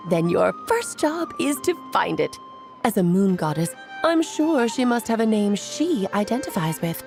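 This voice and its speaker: An actress voices a great mage in a video game, a playful, self-assured, motherly figure who is breezy, theatrical, and prone to lecturing. Her mid-range voice is very animated, creaky, and darkish at a moderate pace, with a thoughtful, instructive mood in this scripted dialogue. Faint music plays behind her.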